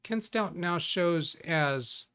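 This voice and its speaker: Guy hosting a tech livestream, slightly high voice, super casual, chats with viewers and trips over his own sentences. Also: lively intonation, extremely slow, bright, forceful tone, clear, resonant tone. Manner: chatty, greets viewers by name, restarts sentences. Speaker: livestream tech show host. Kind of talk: casual live-stream chat.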